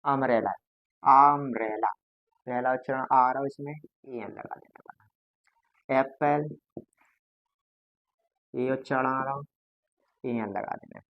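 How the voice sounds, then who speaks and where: Male teacher, patient, repeats himself, middle pitch, dry sound. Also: steady tone, slow, long pauses, no room sound, muffled recording. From India. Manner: patient, repeats each point for the students. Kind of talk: classroom grammar lesson.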